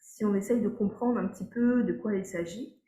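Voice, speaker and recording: A woman's voice: mid-range voice, moderate pace, warm tone. A French woman explaining a spiritual practice in a casual monologue, hesitant, with many fillers and restarts. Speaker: energy healing teacher. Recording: echoey room.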